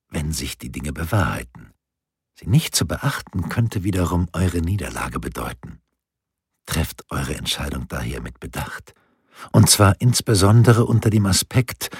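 A man voicing a calm, alluring woman who reads cards in an audiobook, speaking in a husky, measured way. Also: deep voice, no echo, studio quality, full character voice. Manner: measured, advising. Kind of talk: audiobook character voice.

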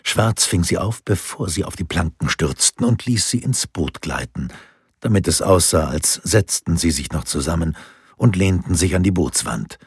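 Man, audiobook narration, measured, husky breathy voice, dry close recording. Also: low voice, animated, no echo.

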